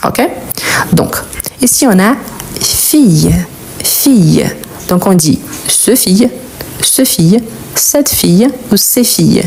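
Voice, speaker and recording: A woman's voice: mid-range voice, expressive, slow, vocal fry, long pauses, a little mellow, slight background noise. Woman, teacher, live lesson, patient explainer, repeats words, faint background ambience. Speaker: French teacher. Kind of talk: live-streamed grammar lesson.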